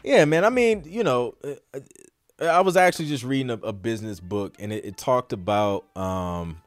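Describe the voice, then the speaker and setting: Mid-range in pitch and speaking at a normal speed, a man hosts a podcast in a space with no room sound. He takes questions in a laid-back live Q&A, reading them out and answering while thinking aloud, with frequent "like" and "you know."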